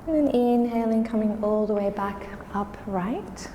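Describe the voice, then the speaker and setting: A woman yoga instructor guiding a class in a calm, soothing, unhurried way. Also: mid-range voice. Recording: roomy, reverberant space with faint noise.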